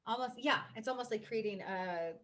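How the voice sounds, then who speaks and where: A woman's voice: on the high side, fairly quick, a bit bright, a little hiss or hum. A woman hosting a casual interview over a video call, an eager and enthusiastic voice teacher. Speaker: host, voice teacher.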